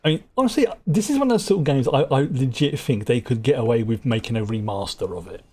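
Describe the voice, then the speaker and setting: A man's voice: mid-range voice, animated, quick pace, a little mellow, breathy edge. A man giving casual, chatty game commentary, thinking aloud as he plays. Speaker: gamer, host of a playthrough.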